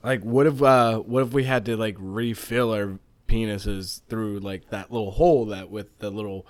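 A man's voice: on the low side, fairly even intonation, moderate pace. A man co-hosting a podcast in casual chat, rambling through crude riffs with many fillers. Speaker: podcast co-host.

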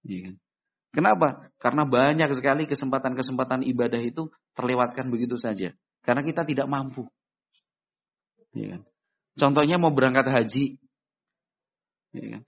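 Animated male preacher, dull recording. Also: moderate pace, long pauses. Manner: animated, acts out little dialogues with raised pitch. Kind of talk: Islamic sermon.

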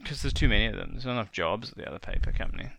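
A man's voice: lowish voice, animated, rapid-fire, creaky, a bit bright, a little hiss or hum. A man co-hosting a casual chat, reviewing a movie in a joking, opinionated way. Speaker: podcast co-host.

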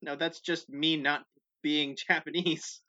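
A man's voice: on the high side, little pitch movement, unhurried, pushed and bright, highs cut off. A man in casual chat, rambling through ideas, laughing often and acting out little bits.

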